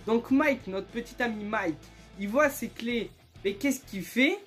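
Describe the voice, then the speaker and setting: A young man retelling absurd stories in a casual, joking, slangy way, laughing often and breaking into loud squeals of outrage. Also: extremely high pitch, a little slow, soft background music. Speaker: YouTuber. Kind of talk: casual comedic storytelling and reading aloud.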